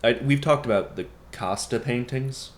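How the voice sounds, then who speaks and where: A man's voice: mid-range voice, normal speed. A man co-hosting a casual podcast, bantering in a sardonic, profane way. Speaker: podcast co-host and editor. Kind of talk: casual chat.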